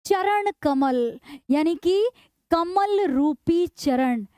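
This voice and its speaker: A woman's voice: extremely high pitch, animated, very slow, a little mellow, dry recording, studio quality. A woman teaching a live online exam-prep class, repeating key points and coaxing her students with questions.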